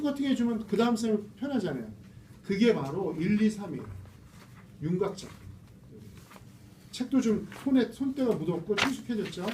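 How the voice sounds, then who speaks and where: High-voiced man lecturing a small class. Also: mellow. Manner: chatty, asks the class rhetorical questions. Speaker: reading lecturer. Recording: roomy, distant mic with faint noise.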